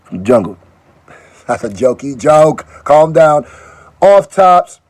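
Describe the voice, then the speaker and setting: Animated joking man reacting. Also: a little high, takes it slowly. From Nigeria. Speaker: YouTube reaction host. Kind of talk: casual reaction commentary.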